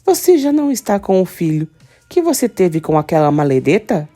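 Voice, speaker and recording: Uma mulher lendo as falas de uma jovem brava e desafiadora, com réplicas ríspidas e desdenhosas. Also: female voice, lowish voice, sing-song, fairly quick, dark tone, soft background music. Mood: defiant. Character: fiery young Brazilian woman, defiant.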